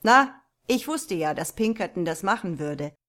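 A woman's voice: fairly low pitch, moderate pace, lightly acted. A woman reading the part of a brash young American man who scoffs and crows in triumph. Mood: brash, triumphant.

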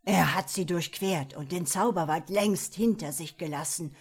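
A woman voicing a dark male magician who chants spells and answers his master deferentially. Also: lowish voice, normal speed, slightly rough. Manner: deferential, scheming.

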